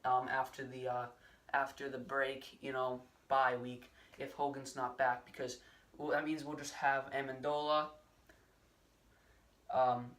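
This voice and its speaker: A man's voice: mid-range voice, level tone, a bit bright, recorded from a distance. Young man rambling through a sports recap. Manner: rambling, fast, many fillers and restarts. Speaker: sports vlogger. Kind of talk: casual solo sports recap.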